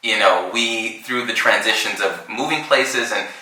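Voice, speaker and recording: A man in his thirties co-hosts a casual podcast, spinning an animated story full of slang and laughter. His voice sits a little low but sounds bright and forceful. The room around him rings with heavy echo. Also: unhurried. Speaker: podcast co-host.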